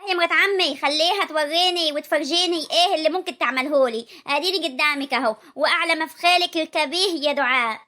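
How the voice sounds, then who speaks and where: A woman's voice: sits high, fast talker, hardly any pauses, sharp tone. Woman playing a taunting young rural wife. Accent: rural Egyptian. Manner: combative, taunting. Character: young sister-in-law in a family feud.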